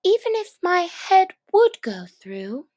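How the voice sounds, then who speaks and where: A woman's voice: very high-pitched, sing-song, slow pace, darkish tone, pitched above the performer's own voice, exaggerated voice. A woman voicing Alice, a curious and dreamy little girl, in a read-aloud storybook with a wondering, earnest manner. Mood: wistful.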